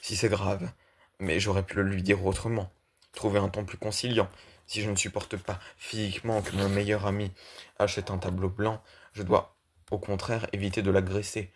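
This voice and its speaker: A man's voice: deep voice, little pitch movement, moderate pace, a little hiss or hum, pitched below the performer's own voice, natural voice. A man voicing an irritable, blunt middle-aged man in an audiobook reading of a play, talking in a brooding, argumentative way.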